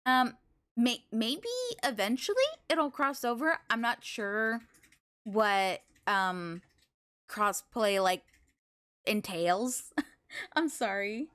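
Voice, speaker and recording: Slow and animated, with frequent pauses, a woman with a slightly high, somewhat bright voice chats casually with her stream audience. This video game livestreamer is grateful and gushing, leaning on girlish slang, with game music in the background.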